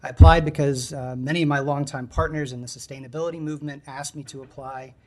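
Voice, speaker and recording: A man giving a measured, formal podium speech with prepared remarks at a public meeting. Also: mid-range voice, fairly even intonation, a little mellow. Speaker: applicant, union member.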